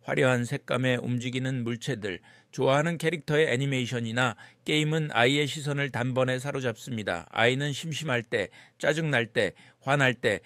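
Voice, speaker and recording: A man narrating a scripted informational text in a measured, explanatory way. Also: mid-range voice, fairly bright tone, no echo.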